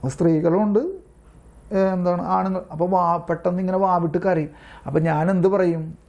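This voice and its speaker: A man teaches his online prayer group. His voice is gravelly and sits a touch high, with a mellow, darker colour. He reads passages aloud, explains them in a plain, repetitive way, and keeps checking whether his listeners have understood, all heard over a video call. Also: steady tone, moderate pace, highs cut off. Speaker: lay preacher leading an online prayer group. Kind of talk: informal religious teaching, reading aloud and explaining.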